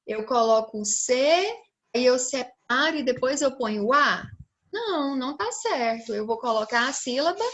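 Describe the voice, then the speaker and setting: A woman teacher with a Brazilian Portuguese accent records a video lesson for young children. Her voice sits a little high, and she speaks slowly and clearly, drawing out each syllable as she sounds words out. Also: lively intonation, a bit bright.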